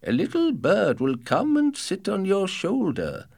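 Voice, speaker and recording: A man voicing an old nomad father, giving slow, careful instructions to his daughter. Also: high-pitched, huge pitch swings, vocal fry, a little mellow, breathy edge, pitched above the performer's own voice, exaggerated voice. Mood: earnest.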